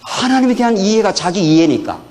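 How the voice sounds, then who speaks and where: A middle-aged pastor, preaching in a folksy lecture style. His voice sits fairly high for a man and swings widely in pitch. He keeps asking his listeners rhetorical questions. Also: sing-song, a little fast, a little mellow, slight background noise. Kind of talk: sermon lecture.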